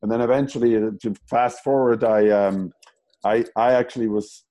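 A man's voice: medium pitch, fairly even intonation, normal speed, mellow, rough recording. A man from German-speaking Switzerland, an animator guest in a casual interview, who talks in a rambling way with many restarts and fillers.

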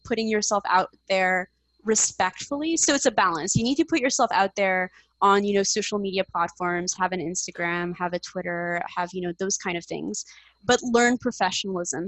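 A woman speaks in a relaxed podcast interview. She is chatty and upbeat and leans on fillers like "like" and "um". Her voice sits at an ordinary pitch, and the recording is dry and close with no room sound. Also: normal speed, no room sound, rough recording. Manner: chatty, upbeat, many fillers like "like" and "um", laughs often. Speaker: interview guest, 2D animator.

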